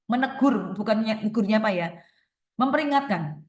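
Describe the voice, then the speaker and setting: A woman's voice: a little high, animated, moderate pace, a little mellow. A woman answering audience questions in a workshop talk, explaining her points with everyday examples and rhetorical questions. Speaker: workshop speaker. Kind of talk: webinar Q&A advice talk. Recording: echoey room sound.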